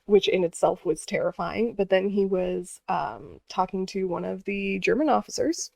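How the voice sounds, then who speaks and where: A woman's voice: medium pitch, lively intonation, moderate pace, vocal fry, a little mellow, no room sound. A woman vlogger telling a story in a casual, earnest way, with many fillers and restarts.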